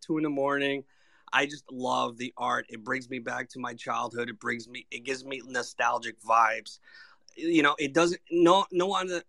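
A man with a bright, forceful voice at a middling pitch talks like a pumped-up gym bro. He swears freely and speaks with fervent conviction, as in a casual hangout with his online community. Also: no echo.

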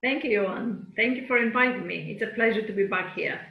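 A middle-aged woman from Greece answers interview questions slowly, hesitating with frequent fillers. Her voice sits in a middle range. The audio is echoey and slightly muffled. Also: medium pitch, vocal fry. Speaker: guest professor. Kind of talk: podcast interview.

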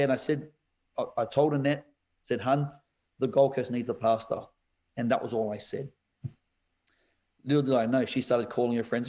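A man, a pastor telling a personal story in a podcast interview, animated and quick to laugh. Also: medium pitch. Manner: animated storyteller, laughs often, says "bro".

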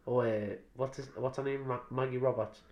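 A man's voice: mid-range voice, fairly even intonation, normal speed, darkish tone. Matey, sweary man chatting. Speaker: podcast host. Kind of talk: casual chat about films.

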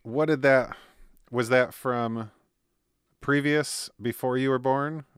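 A man's voice: medium pitch, steady tone, takes it slowly, clean tone, dry recording, studio quality. A man hosting a podcast interview, talking casually with lots of fillers, restarts and laughs. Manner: chatty, laughs often, many fillers and restarts. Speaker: podcast host.

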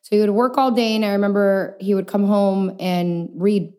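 Mellow-voiced woman guest from El Paso. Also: mid-range voice, fairly even intonation, normal speed. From El Paso, Texas, US. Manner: chatty, laughs easily, many fillers. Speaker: podcast guest. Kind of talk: casual interview chat.

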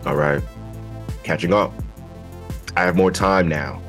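Croaky, deep-voiced man podcasting casually. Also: steady tone, a little slow, a bit bright. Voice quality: croaky, froggy early-morning voice. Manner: informal, slangy, addresses listeners directly. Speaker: podcast host. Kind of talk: casual video podcast monologue with slang. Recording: music behind the voice. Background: music.

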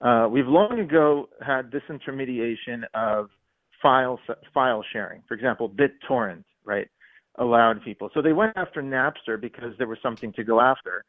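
A man calling in to a radio talk show, speaking over a phone line and rambling, halting often with fillers. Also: medium pitch, no echo. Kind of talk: call-in radio chat.

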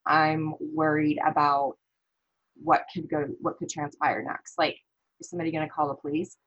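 A woman from the American Midwest talks as a guest in a casual conversation, telling stories and acting out her own thoughts. Her voice is lowish and husky. The audio is dull and lo-fi. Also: moderate pace. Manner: animated storytelling with quoted thoughts. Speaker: podcast guest.

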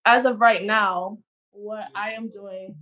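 A woman's voice: mid-range voice, steady tone, slow pace, bright, forceful tone. A nineteen-year-old woman from Trinidad, eagerly telling her story as a podcast guest over a video call. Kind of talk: casual podcast interview.

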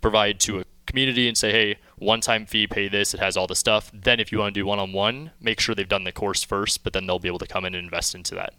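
Fast-talking, bright-voiced young man. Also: on the low side, steady tone, smooth, dry recording. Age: 20s. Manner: upbeat, emphatic business talk. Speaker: podcast guest. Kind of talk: casual podcast chat.

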